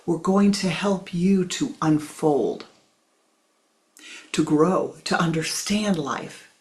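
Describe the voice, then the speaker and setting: A tender, quiet spiritual teacher, whose mid-range voice carries some gravel, addresses listeners as "my love" and echoes phrases to stress them. Occasionally the speech drops to almost a whisper.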